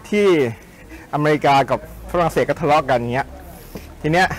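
A man's voice: on the high side, moderate pace. A man co-hosting a cooking show, chatting casually and explaining food history and little English tidbits with playful asides. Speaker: co-host sharing food history and trivia.

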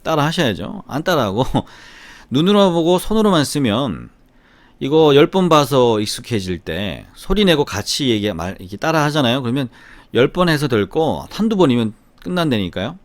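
Brief: middle-aged male English tutor, slight Gyeongsang accent, animated sing-song delivery, dry close sound. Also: mid-range voice, moderate pace, no echo. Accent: slight Gyeongsang Korean, mostly Seoul-like. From Gyeongsang, South Korea. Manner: lively, chatty, often asks "right?". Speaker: English grammar teacher. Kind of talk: grammar lesson with repeat-after-me drills.

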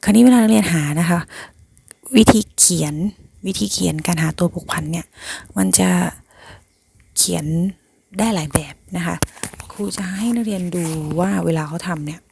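A woman's voice: lowish voice, moderate pace, creaky, a little mellow, slight background noise. A woman teacher patiently explaining a math lesson to her students, often calling them "child" affectionately.

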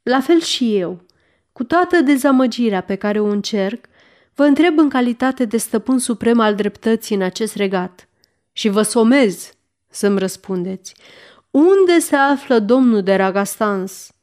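A woman's voice: a little high, animated, darkish tone, close to an everyday voice. A woman reading as an imperious, furious king. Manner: imperious, demanding, barely restrained fury. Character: angry proud French king, middle-aged man.

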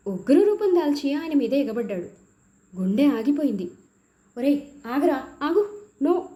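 A woman reading a first-person story aloud with expressive, emotional narration. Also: high voice.

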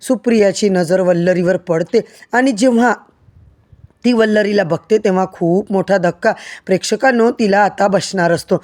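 A woman's voice: mid-range voice, moderate pace, darkish tone. A woman retelling a TV serial episode to viewers, addressing them directly as she tells the story.

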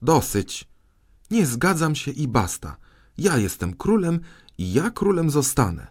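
An indignant young boy king blurts out high, raised lines in a storybook reading, as a man puts him on. He is stubborn and impatient, snapping at his ministers and stretching his words across a wide, jumpy melody. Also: big pitch swings, unhurried, husky, exaggerated voice. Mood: defiant. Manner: shouting impatient outbursts.

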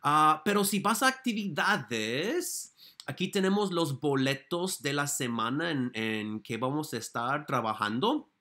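Man, elementary teacher, bilingual Spanish and English, slow, lively intonation, patient. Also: a little high. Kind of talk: remote class walkthrough for young pupils.

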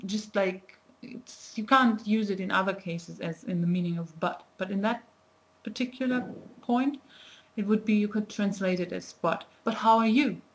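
A young woman giving an informal language lesson to camera in a halting, thinking-aloud way. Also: mid-range voice, low-quality recording. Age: young adult. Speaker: language teacher.

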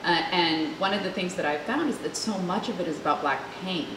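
Low-voiced woman moderating in an echoey room. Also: fairly quick, background noise. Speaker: theater artistic director, moderator. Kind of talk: roundtable discussion.

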